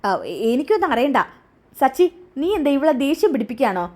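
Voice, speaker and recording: A woman's voice: high voice, big pitch swings, fast, dark tone. Touchy middle-aged mother put on by a woman narrator, fussing and complaining. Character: fussy, easily offended middle-aged mother.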